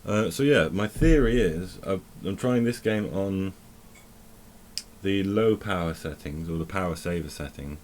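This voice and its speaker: A man's voice: low-pitched, a little slow, a little mellow. A man giving casual, rambling commentary while playing a game, often correcting himself and thinking aloud. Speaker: tech vlogger.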